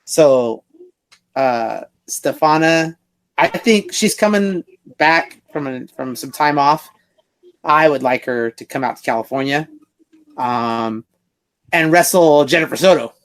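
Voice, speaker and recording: A man's voice: fairly high pitch, low-quality recording. A man hosting a casual podcast, thinking aloud as he reads through a list. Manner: slow, thinking aloud while reading a list. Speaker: podcast host. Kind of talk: casual chat.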